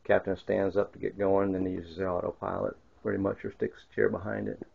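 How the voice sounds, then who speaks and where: A man's voice: low voice, little pitch movement, fairly quick, vocal fry, breathy edge, no echo. A man casually narrating a walk-through of a yacht's cabins as he films, rambling with fillers and restarts. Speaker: walk-through guide filming a boat tour. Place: indoors aboard a yacht, small wood-paneled cabins. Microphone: handheld camera microphone. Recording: dull lo-fi camcorder audio.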